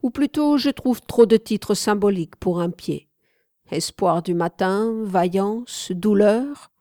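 Grandiose elderly master sculptor read by a woman, declaims loudly in a mellow, dry-recorded audiobook voice. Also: mid-range voice, slow pace, dry recording, lightly acted.

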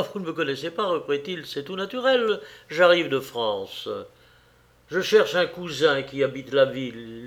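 A man doing a jovial, smooth-talking Parisian journalist. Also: on the high side. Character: bold, cheerful young Parisian journalist.

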